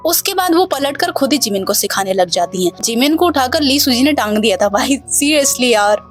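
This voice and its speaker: A woman's voice: high-pitched, lively intonation, moderate pace, soft background music. Chatty gossipy woman retelling a clip. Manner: gossipy and exclamatory, often says "yaar" and "seriously". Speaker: video explainer narrating a clip.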